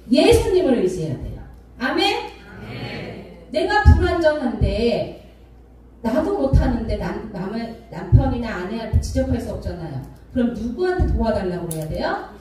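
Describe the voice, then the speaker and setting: A woman pastor preaching a sermon, calling for amens and acting out arguing couples in sudden high voices. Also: dark tone, a little hiss or hum. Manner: call-and-response preaching, acting out quarrels. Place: church sanctuary. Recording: echoey church hall, mic at a distance.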